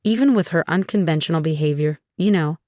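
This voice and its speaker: A woman's voice: low-pitched, brisk, no room sound, clean studio sound, close to an everyday voice. Woman doing a fond, easygoing middle-aged dad. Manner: fond, relaxed explaining.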